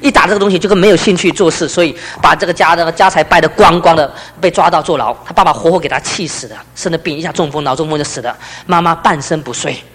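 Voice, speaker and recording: Fast high-voiced preacher. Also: male voice. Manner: storytelling, swings from loud emphasis to hushed low passages. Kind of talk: testimony sermon. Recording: long hall reverb.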